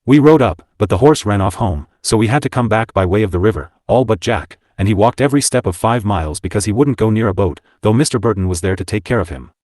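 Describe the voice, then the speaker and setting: A man's voice: fairly low pitch, expressive, fast, hardly any pauses, darkish tone, no room sound, studio quality. A man reading the part of a hearty, teasing older brother in an audiobook, speaking bluffly.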